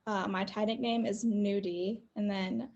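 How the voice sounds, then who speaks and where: A young woman from the American South talks on a video call. Her voice has a gravelly edge, and she keeps her answers brief and upbeat, laughing easily. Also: mid-range voice, fairly even intonation, measured pace, a little mellow, muffled recording. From United States, the South. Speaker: guest, football player. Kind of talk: casual interview over a video call.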